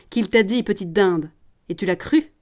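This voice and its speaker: A woman voicing a mocking, scheming male prosecutor priest who sneers and shouts, in a read-aloud play. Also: mid-range voice, steady tone, moderate pace, close to an everyday voice. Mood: sneering. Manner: sneering, loud and forceful.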